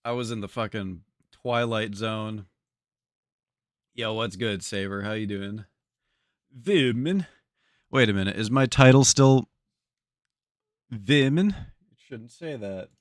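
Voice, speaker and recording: A man with a lowish voice talks slowly, leaving long pauses, on a dry, studio-quality recording. He's live-streaming while gaming, chatting casually with viewers in a laid-back, slangy way and swearing freely, and he sounds slightly congested.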